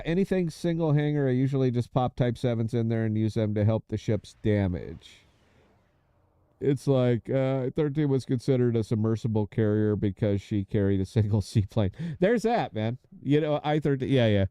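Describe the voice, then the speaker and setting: Dark-voiced man streaming a game. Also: medium pitch, smooth, no echo. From United States. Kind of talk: casual gameplay commentary.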